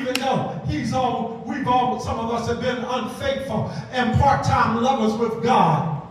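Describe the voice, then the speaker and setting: A middle-aged American man preaches from a pulpit microphone in a very echoey church. His pitch is extremely high and his pacing slow and drawn out. He delivers the sermon in a sing-song, exuberant call-and-response manner. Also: fairly even intonation, recorded from a distance, slight background noise. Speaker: pastor preaching. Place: large church hall.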